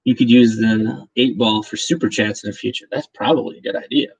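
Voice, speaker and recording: A man's voice: medium pitch, brisk, creaky, husky, rough recording. A man hosting a casual livestream, talking in a chatty, rambling way with many restarts. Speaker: livestream host. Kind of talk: casual chat.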